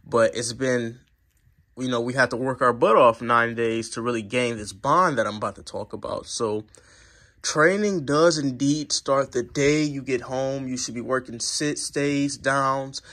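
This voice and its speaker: A man's voice: mid-range voice, unhurried, fairly bright tone. A man talks casually to his camera at home, sharing puppy training advice. His voice is slightly stuffy from a cold, and he rambles, circling back with fillers and restarts as he goes. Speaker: dog vlogger. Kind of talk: casual vlog talk to camera.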